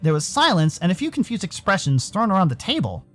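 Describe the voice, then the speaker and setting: An American man performs a curious, skeptical young furry protagonist who narrates and speaks in a visual novel, delivering lines in a dry, questioning way with a thoughtful mood. His high voice is very animated, quick, a bit bright, and heavily acted over soft background music.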